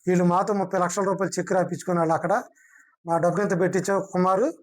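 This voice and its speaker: A man's voice: high voice, fairly even intonation, racing. A man, a fraud victim, urgently telling a reporter how he was cheated and kidnapped, respectfully addressing him as sir. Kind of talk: recounting events to a reporter.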